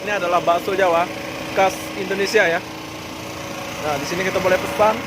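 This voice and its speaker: A man with a high-pitched voice hosts an informal walking vlog. He chats casually with viewers and passers-by, addressing them like mates. The recording is very noisy, with loud outdoor street ambience all around him. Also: fairly even intonation, brisk. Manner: chatty and informal, often addressing listeners and vendors as boss or brother. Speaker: vlogger, host. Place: busy outdoor night market. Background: loud vehicle and street noise.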